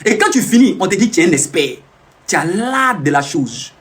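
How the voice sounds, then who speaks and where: High-voiced, animated man. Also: brisk. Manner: boastful, teasing, repeats phrases over and over. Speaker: live streamer. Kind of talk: casual boastful live-stream talk.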